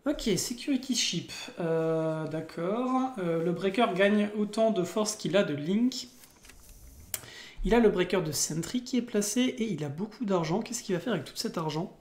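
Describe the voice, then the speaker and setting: French accent, card game commentary, casual, hesitant with fillers, mid-pitched voice, echoey room. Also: expressive, moderate pace, a little mellow. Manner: hesitant, many fillers and restarts. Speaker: card game player commentating own match. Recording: roomy, echoing room.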